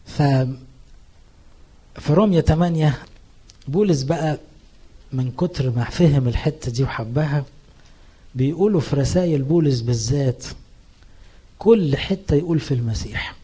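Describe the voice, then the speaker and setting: A man with an Egyptian accent preaching a sermon as a priest, earnest and emphatic, rising in pitch on scripture quotes. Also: moderate pace, pauses often, warm tone, breathy edge. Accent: Egyptian Arabic.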